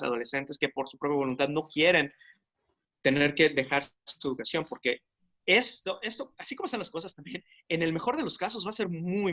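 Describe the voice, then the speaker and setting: Bright-voiced Mexican man thinking aloud. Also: on the high side. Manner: reflective and critical, thinking aloud. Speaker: podcast co-host. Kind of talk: casual discussion podcast.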